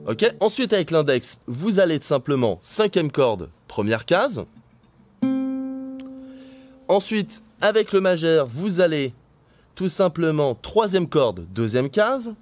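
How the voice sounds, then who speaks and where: A man's voice: a little high, big pitch swings, takes it slowly, pauses often. A young man giving a casual guitar lesson outdoors while on holiday, chatty and self-mocking, with rambling asides. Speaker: YouTuber teaching guitar. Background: guitar playing.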